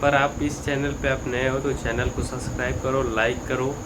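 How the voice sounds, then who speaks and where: A man's voice: medium pitch, little pitch movement, normal speed, noisy background. A young man from northern India talking casually to camera in a vlog, rueful and self-mocking, often calling his viewers "brother". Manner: rueful, self-mocking, chatty, says "bhai sahab" often. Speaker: vlogger. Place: outdoors in farm fields, then at home.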